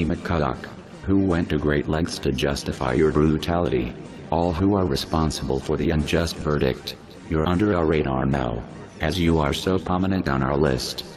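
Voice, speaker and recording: Guy with a disguised super low pitched-down voice, slow and menacing, music playing behind. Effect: voice disguised, pitched down very deep. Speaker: spokesperson for a hacker collective. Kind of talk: scripted threatening statement.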